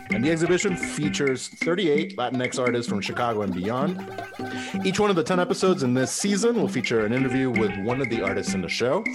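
Chatty male podcast host. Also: mid-range voice. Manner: hesitant, many "like" fillers. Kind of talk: conversational interview.

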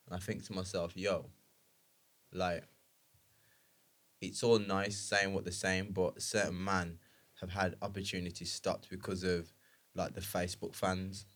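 A man with a fairly low voice and a London roadman accent. He talks in casual, slang-heavy street English, driving points home by saying them over and over with emphasis. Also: little pitch movement, unhurried, long pauses, fairly bright tone. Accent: London roadman, multicultural London street English. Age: adult, married with children. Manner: emphatic, repeats phrases insistently.

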